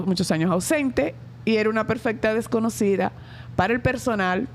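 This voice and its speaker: This school director from the Dominican Republic is a middle-aged woman whose Dominican Spanish accent colors her reflective interview answers. She speaks in a mid-range voice with many pauses and hesitations, over a faint hiss or hum.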